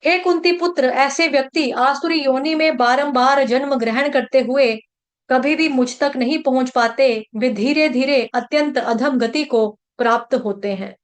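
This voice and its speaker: A woman teaching verse recitation in an online class. She chants slowly, then breaks the words down syllable by syllable. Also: high voice. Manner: slow chanting, then rapid syllable-by-syllable explanation.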